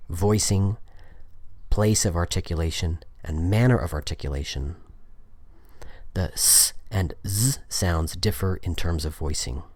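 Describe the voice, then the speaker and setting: A man's voice: low voice, darkish tone, no room sound. A man hosting a language-learning podcast, explaining a pronunciation topic in a patient, methodical way. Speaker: language teacher podcast host. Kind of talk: explanatory lesson monologue.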